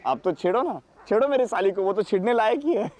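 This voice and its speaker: An actor playing a bumbling, boastful young husband in a 1990s sitcom, loud and hammy, stammering when scared. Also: male voice, high-pitched, expressive, quick pace. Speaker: lead comic character.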